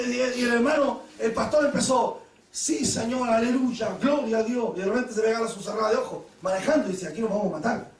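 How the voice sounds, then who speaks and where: A Chilean man preaching a Pentecostal sermon, telling stories with laughter and sudden shouted praises. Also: very high voice, far from the mic, slight background noise. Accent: Chilean Spanish. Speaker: pastor. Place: church hall. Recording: echoey church hall, mic from afar.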